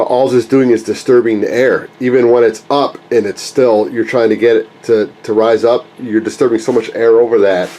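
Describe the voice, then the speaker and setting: A man in his forties with a lowish, mellow voice, congested from a cold, chats casually about his work as an RC plane hobbyist and channel host, rambling and correcting himself. He films in his home workshop on a handheld camera held close. The recording is low quality with slight background noise.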